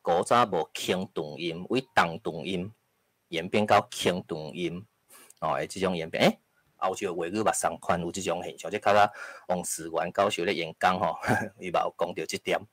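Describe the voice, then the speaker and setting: Man, Taiwanese accent, lecturer, very low voice, dry close sound, step-by-step explaining, occasional coughs. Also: fairly even intonation, normal speed, a bit bright, dry recording. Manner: explains step by step with frequent tag particles; occasional coughs and throat clearing. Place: lecture hall with live audience.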